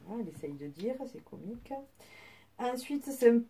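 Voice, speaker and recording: A woman's voice: fairly high pitch, expressive, moderate pace, warm tone. A young woman at home, casually showing her nail polish collection in a chatty way, full of fillers and restarts. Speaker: beauty vlogger. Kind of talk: casual product show-and-tell.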